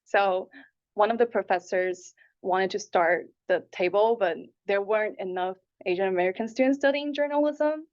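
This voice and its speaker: On muffled, lo-fi audio, a young woman in her twenties from Taipei and Hong Kong earnestly fields interview questions in a conversational style. Her mid-range voice is a little mellow, and she keeps a moderate pace. She is an applicant being interviewed.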